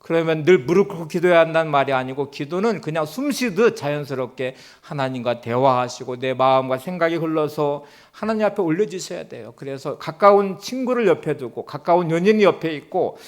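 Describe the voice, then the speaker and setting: Earnest pastor preaching a gentle sermon. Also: male voice, on the high side. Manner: earnest, gentle and pleading, dropping to a soft hush for quoted comfort.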